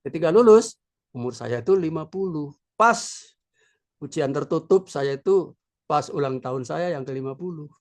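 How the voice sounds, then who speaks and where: A man in his sixties, a philosophy professor, giving an informal lecture in a slow, reflective way with many filler words. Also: a little high, lively intonation. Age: 60s. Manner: unhurried, reflective, with frequent filler "ya".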